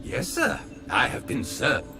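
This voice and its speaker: A man's voice: mid-range voice, wildly swooping pitch, a little slow, gravelly, exaggerated voice. A man voicing a polite, fawning male butler robot who is formal and obsequious and calls his master sir, in video game dialogue. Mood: deferential. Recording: game audio with background music.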